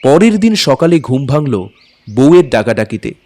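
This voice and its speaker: Very animated yet polite and hesitant, a man with a natural, darkish mid-range voice speaks at normal speed. He is the actor playing the anxious, courteous maths tutor who narrates his own eerie night in a first-person audio-drama ghost story.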